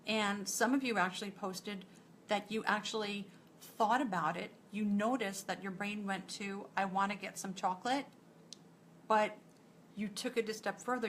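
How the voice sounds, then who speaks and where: A woman's voice: medium pitch, a bit bright, a little hiss or hum. A woman with a New York accent, a nutritionist giving a live coaching talk to an online group in a direct, encouraging way. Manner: direct, encouraging, strings thoughts with "and so".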